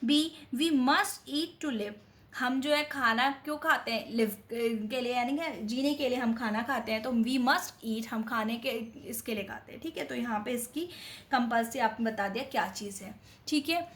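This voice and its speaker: A woman with an Indian accent teaching a grammar lesson, who reads out English examples slowly and keeps checking that her students are following. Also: a little high, fairly bright tone. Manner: explains slowly, reading English examples carefully, then adding quick Hindi asides; keeps checking in with "theek hai?". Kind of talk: explanatory lesson.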